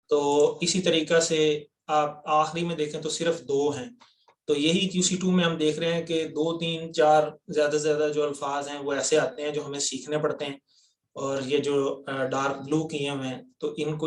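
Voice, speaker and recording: A man's voice: on the high side, roomy sound, slight background noise. Patient Pakistani man teaching online. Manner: patient, explains step by step, quizzes students. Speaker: Quran word-by-word teacher. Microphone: computer mic on a video call.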